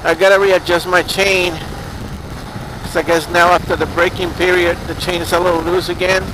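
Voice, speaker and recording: A man's voice: high-pitched, little pitch movement, moderate pace. A man casually vlogging as he rides a motorcycle, talking from inside his helmet. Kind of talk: casual spoken vlog while riding. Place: outdoors on a moving motorcycle. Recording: loud wind and engine noise. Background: strong wind, motorcycle engine.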